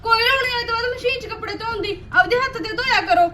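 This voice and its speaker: A woman playing a shrill, scolding daughter-in-law. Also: fast talker, bright, forceful tone, roomy sound, recorded from a distance, slight background noise. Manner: scolding, nagging. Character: sharp-tongued young daughter-in-law, scolding.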